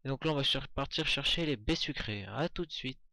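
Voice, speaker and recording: A man talks through a game walkthrough in a casual, chatty way, often pausing on fillers and restarting his sentences. His voice sits at an ordinary middle pitch. The sound is dry and close, with no room echo. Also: expressive, gravelly, bright, forceful tone. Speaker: gameplay commentator. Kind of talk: casual gameplay walkthrough commentary.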